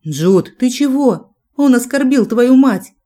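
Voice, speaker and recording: A woman's voice: high voice, expressive, slow, mellow, pitched above the performer's own voice. A woman voicing an angry, proud young man in an audiobook. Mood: defiant. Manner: tense, defiant.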